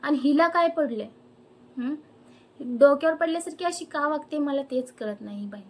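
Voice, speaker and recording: A woman's voice: high voice, moderate pace. A young woman ranting angrily to camera, firing off indignant rhetorical questions. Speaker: vlogger. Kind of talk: angry personal rant to camera.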